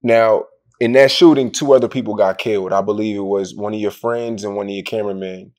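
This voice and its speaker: A man's voice: fairly low pitch, steady tone, brisk, darkish tone. A man interviewing a rapper in a casual, rambling way, full of fillers and restarts.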